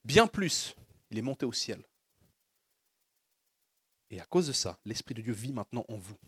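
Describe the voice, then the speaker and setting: A male pastor preaching with a husky, slightly breathy voice and a lively pitch that keeps climbing and dropping. He leads the congregation in call-and-response and drives his points with growing fervor. The sound is dry and close, with little room echo. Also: normal speed. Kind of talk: sermon.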